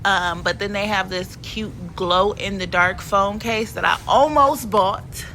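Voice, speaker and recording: A woman vlogger narrates her shopping vlog in a casual, playful, slangy manner, her mid-range voice unhurried, pushed and bright. A cold leaves her sounding stuffy and sniffly, and a faint hiss lies beneath the home recording.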